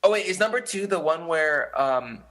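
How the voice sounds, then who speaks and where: A man's voice: on the high side, expressive, normal speed, sharp tone. A man co-hosting a casual podcast, rambling and swearing as he corrects himself. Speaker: podcast co-host. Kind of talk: casual chat.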